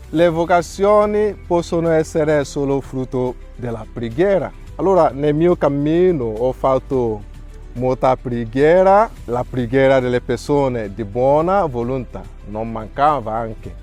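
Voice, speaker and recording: Man, priest, 30s, slightly high voice, very slow, earnest testimony. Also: darkish tone. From Nigeria. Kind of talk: reading a prepared testimony.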